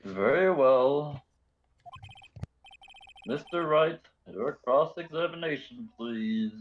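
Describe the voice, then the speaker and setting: A man voicing a polite, fussy male judge in a fan reading over a game, formal and halting. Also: mid-range voice, lively intonation, narrow, tinny audio, a little hiss or hum. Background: game music.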